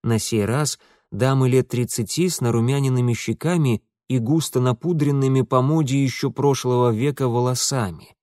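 A man's voice: mid-range voice, normal speed, no echo, studio quality. A man narrating an audiobook expressively, voicing every character himself. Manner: expressive, plays all the voices.

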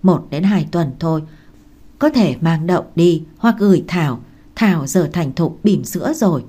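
A woman reads a young male scholar from a storybook, a calm tutor with a firm, patient delivery. The voice stays low and mellow. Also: normal speed, slightly rough. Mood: reassuring.

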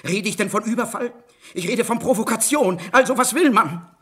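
A frightened middle-aged judge for a radio drama, stammering and pleading as his panic climbs. His voice sits fairly high and sounds husky and strained. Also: brisk, a bit bright, faint music behind. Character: anxious, cornered middle-aged male judge. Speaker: judge Goll in a radio play.

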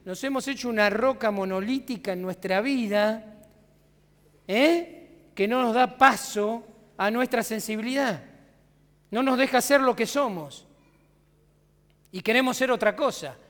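A man's voice: very high voice, measured pace, long pauses, a bit bright, long reverb tail. A man with a Rioplatense Argentine accent preaching a conversational sermon as pastor, asking his congregation rhetorical questions. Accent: Rioplatense Spanish. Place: church sanctuary.

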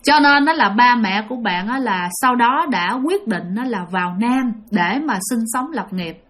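A woman's voice: on the high side, lively intonation, normal speed, a bit bright. A woman telling a ghost story in a chatty way, talking straight to her listeners. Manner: chatty, addresses listeners directly. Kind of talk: conversational ghost story narration.

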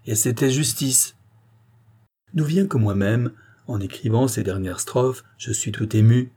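A man with a French accent reading a classic novel aloud as an audiobook, rising in pitch and force whenever he declaims the verses. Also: a little slow, warm tone, slightly rough. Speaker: audiobook narrator. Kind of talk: dramatic audiobook narration.

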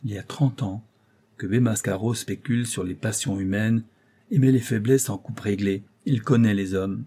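A man reading a novel aloud as an audiobook narrator, in a measured storytelling manner. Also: on the low side, steady tone, dark tone, husky.

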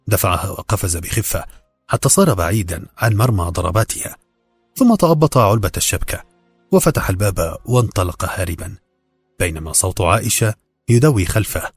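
A man narrating a novel as an audiobook, in expressive, dramatic storytelling. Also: fairly low pitch, breathy edge.

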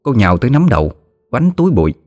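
A man with a Southern Vietnamese accent narrating a story in a lively, slangy, teasing way. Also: medium pitch, fast talker, dry recording, studio quality. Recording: faint music behind.

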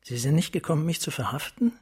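Playing a resigned, serious police captain for a radio drama, a man uses a husky, commanding voice pitched fairly high. His delivery is measured and formal, setting a grave, insistent mood.

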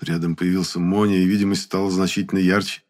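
A man narrating an audiobook in the first person with an even storytelling delivery. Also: sits low, fast talker.

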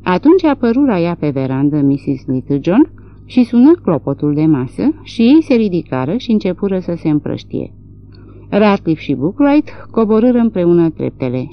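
Low-voiced woman reading a novel. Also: very animated, lo-fi sound. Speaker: audiobook reader. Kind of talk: literary audiobook narration.

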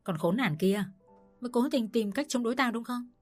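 Woman voicing a shrill screaming old mother-in-law. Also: lively intonation, a little fast, soft background music, close to an everyday voice. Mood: furious. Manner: screaming insults.

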